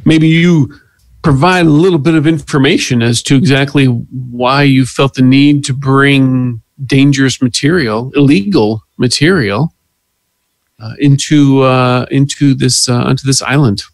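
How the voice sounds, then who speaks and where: A man playing a tabletop role-playing game, speaking in character in a pushy, interrogating way with halting restarts. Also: medium pitch, no echo. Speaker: player.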